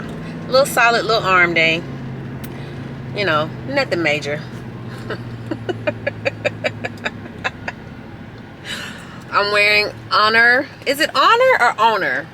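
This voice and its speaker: A young woman talks loosely and casually to her viewers about her day, filling pauses as she goes. She is recorded in a car, with the hum of traffic clearly audible behind her voice. Her pitch sits in an ordinary middle range. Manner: relaxed, chatty, loose with frequent fillers. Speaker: fitness vlogger. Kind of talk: casual chat to camera. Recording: traffic noise from outside.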